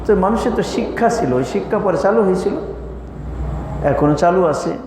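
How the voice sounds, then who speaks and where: A man delivers an animated sermon in a high voice. He asks his listeners one question after another and imitates how other regions pronounce words. The sound is roomy and carries a long hall reverb, with faint background noise. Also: moderate pace. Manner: animated, rhetorical questions, mimics regional dialects. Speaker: preacher. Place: mosque or religious lodge hall.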